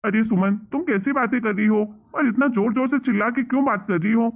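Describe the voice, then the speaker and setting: Cartoon role: a man voicing a pleading, reproachful husband with a gravelly voice, heard through tinny phone-like sound. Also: very high voice, brisk, heavily acted. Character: patient husband pleading for his mother. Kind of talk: cartoon story voice acting.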